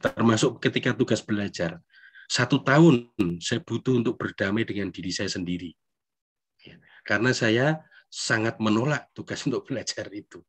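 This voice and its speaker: A middle-aged priest giving a recollection talk in a conversational, self-deprecating way, with frequent tag questions. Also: male voice, on the low side, normal speed, husky. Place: church hall.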